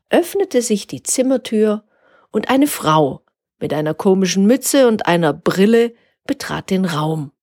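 Slow, breathy woman telling a story. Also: medium pitch. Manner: calm, warm storytelling. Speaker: podcast storyteller. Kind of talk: bedtime story narration.

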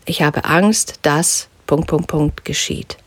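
A woman teaching a guided spiritual lesson, calmly instructive and sometimes dropping to a soft whisper. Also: low-pitched, slow pace, no room sound. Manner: calm, gently instructive, drops into soft whispers. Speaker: spiritual teacher guiding an exercise.

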